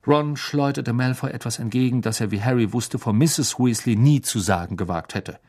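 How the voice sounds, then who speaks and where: A man narrating an audiobook in an expressive storytelling manner. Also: medium pitch, moderate pace, slightly rough. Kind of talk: scripted narration.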